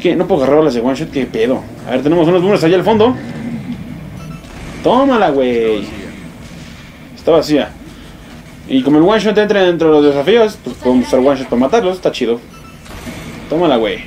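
A young man with a Mexican accent giving excitable, swear-filled let's play commentary, yelping and exclaiming as he plays. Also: fairly high pitch, quick pace, slight background noise. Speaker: gamer.

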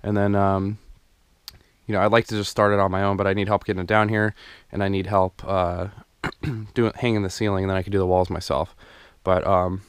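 A young man who vlogs DIY home renovations rambles through a walkthrough of his unfinished basement, with many ums and restarts, recorded on a handheld camera mic as he moves. He speaks fairly quickly in a low, flat, smooth voice. The recording is dry.

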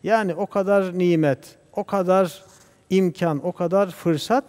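A man speaking as a guest scholar on a religious TV program, talking in a measured, preacher-like way and reciting Arabic verses. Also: high voice, steady tone, darkish tone, long reverb tail. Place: TV studio.

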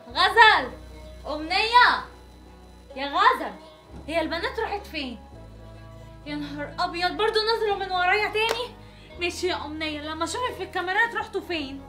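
A woman's voice: very high voice, lively intonation, brisk, pauses often, pushed and bright, faint music behind, exaggerated voice. A woman with an Egyptian accent playing a stern mother who scolds her daughters and fusses over the younger one in a family skit. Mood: alarmed. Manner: scolding, then fussing over her child.

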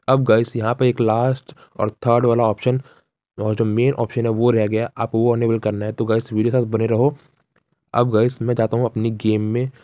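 Speaking at medium pitch in a mellow voice, a young man walks viewers through a phone tutorial step by step. His delivery is casual and direct, instructions repeated, and the recording is dry.

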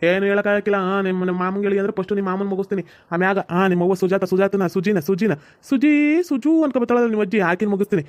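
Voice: mid-range voice, steady tone, fast talker, few pauses, close to an everyday voice. A performer with a North Karnataka Kannada accent playing a bossy, threatening young landlord's son in a village comedy skit. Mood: menacing.

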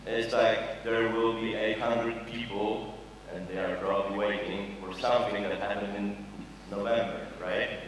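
With a fairly low, fairly even voice, a young Polish man talks unhurriedly and barely pauses as he gives a jokey conference talk stuffed with fillers and the odd swear word. He's recorded from far off in a big echoey hall with an audience, with slight background noise.

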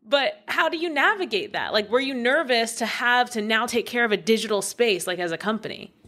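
A woman's voice: fairly high pitch, animated, a little fast, bright, forceful tone. A woman hosting a podcast, talking in a chatty, casual way and agreeing often. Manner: chatty and casual, with many short agreeing sounds. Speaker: podcast host. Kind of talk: conversational interview.

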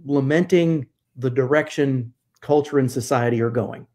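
A man's voice: medium pitch, normal speed. Fifty-something guy on a webcam from his study, punchy rhetorical questions, talks with his hands. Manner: animated, gestures with hands, emphatic rhetorical questions. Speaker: guest church historian. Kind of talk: conversational interview over video call. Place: home study with bookshelves. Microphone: video call webcam.

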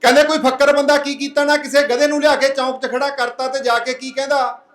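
A man's voice: very high-pitched, flat delivery, a little fast, a bit bright, roomy sound. A man giving an earnest public speech at a village gathering, putting rhetorical questions to the crowd and telling a folk parable. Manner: earnest, plain-spoken exhorting. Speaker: speaker at a public anti-drug meeting.

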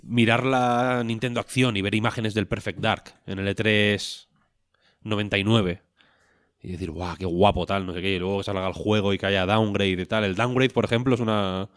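A man's voice: lowish voice, fairly even intonation, moderate pace, fairly bright tone, dry recording, clean studio sound. A man, co-hosting a podcast in casual chat, rambling and joking with a lot of swearing. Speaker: podcast co-host.

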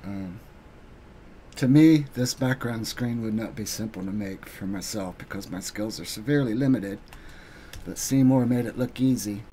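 A man giving an earnest, halting thank-you speech on his live stream, pausing often with ums. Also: on the low side, mellow, slight background noise. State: getting emotional.

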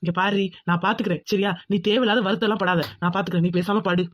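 A woman's voice: mid-range voice, fairly even intonation, very fast, dull audio, lightly acted. A woman voicing a young village groom in a cartoon, soothing but firm and insistent. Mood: reassuring. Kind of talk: cartoon voice acting.

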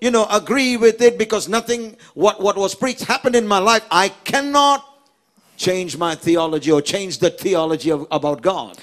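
A man preaching a sermon in short phrases, pausing for an interpreter and building to emphatic exhortation. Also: sits high, a bit bright. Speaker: pastor. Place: church service.

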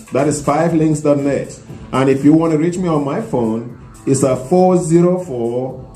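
Middle-aged man, Cameroonian accent, earnest interview guest, dark mellow tone, roomy studio echo. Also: fairly high pitch. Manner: earnest, spells details out slowly. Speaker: guest, business owner. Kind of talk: promotional interview. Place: small studio set with couches. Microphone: handheld mic.

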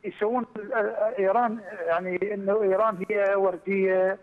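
A caller from Kirkuk, Iraq, with an Iraqi accent phones in over a headset line to make a political comment, arguing earnestly and fast. His voice sits high with a flat delivery, and the thin phone line sounds distant and reverberant.

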